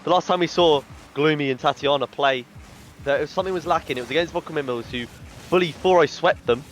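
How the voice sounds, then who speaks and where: A man's voice: a little high, brisk, slight background noise. A man commentating an online esports tournament in a chatty way, with announcer-style hype lines. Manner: chatty, reads out team chats, hype lines.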